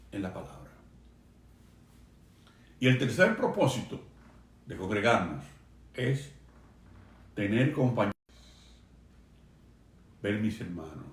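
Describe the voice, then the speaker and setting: A man pastor preaching a sermon to a remote congregation, earnest and emphatic, slowing down to stress key phrases. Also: lowish voice, roomy sound. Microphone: video stream for a remote congregation.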